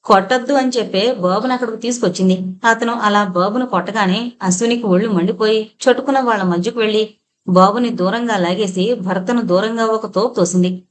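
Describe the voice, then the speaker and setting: A woman narrating a novel for an audiobook, in a steady storytelling delivery. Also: medium pitch, a little fast. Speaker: audiobook reader.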